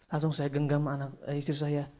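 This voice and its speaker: A man with a Jakarta Indonesian accent, preaching a lively, slangy sermon as senior pastor, swinging between loud bursts and hushed asides. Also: fairly high pitch. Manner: slangy, mixes in English words.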